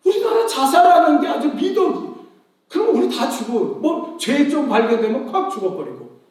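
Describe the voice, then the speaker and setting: High-voiced preaching man in a very echoey hall. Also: normal speed, distant mic. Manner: animated preaching with rhetorical questions and acted-out quotes. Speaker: pastor. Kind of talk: sermon. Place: church sanctuary.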